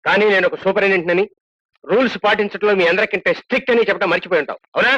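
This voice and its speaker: A man's voice: high voice, rapid-fire, bright, forceful tone. An actor playing a strict, stern jail superintendent who lectures his constable with authority, in a film drama with a dull, lo-fi soundtrack. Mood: dry, stern.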